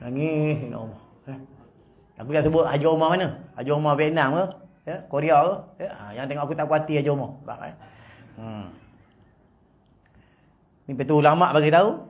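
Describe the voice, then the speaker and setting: A man with a Malaysian Malay accent giving a humorous religious lecture in a prayer hall, teasing his audience and swinging between loud and soft. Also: on the high side, fairly quick, pauses often. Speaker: preacher.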